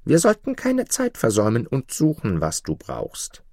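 A man doing a gentle storybook goose, a clever helpful female bird who speaks softly and reassuringly. Her voice sits high, with lively, rising and falling melody and a close, dry sound. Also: moderate pace, dry recording.

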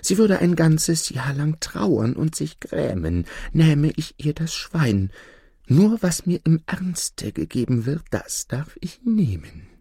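A man's voice: big pitch swings, takes it slowly, creaky, husky, dry recording, clean studio sound, full character voice. Man putting on a sly, wheedling devil. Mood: knowing. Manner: higher, soft, wheedling delivery. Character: sly male devil, smooth and evasive.

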